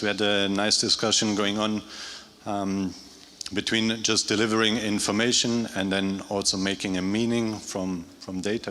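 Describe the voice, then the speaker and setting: Low, bright-voiced man presenting. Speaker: conference workshop presenter. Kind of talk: workshop summary presentation.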